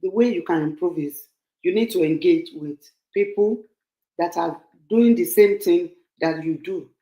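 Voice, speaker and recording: A woman's voice: lowish voice, measured pace, dark tone, roomy sound, lo-fi sound. A woman hosting an online panel and giving an earnest motivational talk, repeating and rephrasing her points. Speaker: host. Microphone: video call.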